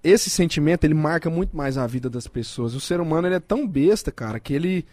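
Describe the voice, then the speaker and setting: A man joins a casual chat, teasing and joking in slangy speech. His voice is high and very lively, recorded dry and close. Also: fast talker, no room sound.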